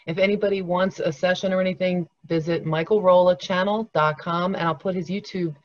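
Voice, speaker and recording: A woman's voice: on the low side, steady tone, a little fast, dull audio. A woman hosting a group video call, upbeat and thankful toward guests. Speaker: host. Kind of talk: casual group chat hosting.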